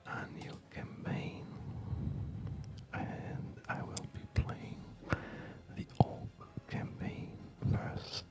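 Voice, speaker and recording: An ASMR gaming host plays a strategy game while giving whispered commentary throughout. The delivery is fully whispered, slow and hesitant, rambling softly.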